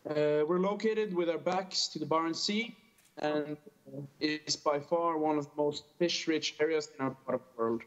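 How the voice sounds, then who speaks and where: A fishing tourism operator in his early 20s, from a small northern Norwegian island, joins a conference remotely as a panel speaker and gives an earnest, prepared presentation. His Norwegian-accented voice is on the high side at a normal speed, heard through dull, lo-fi video call audio.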